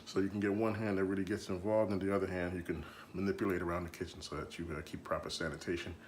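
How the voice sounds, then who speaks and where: Talking fast in a low-pitched, level voice, a man from Jamaica hosts a home cooking demonstration. He's loose, chatty, and full of jokes and fillers, slipping into a Jamaican accent now and then. The sound is reverberant with a little hiss or hum.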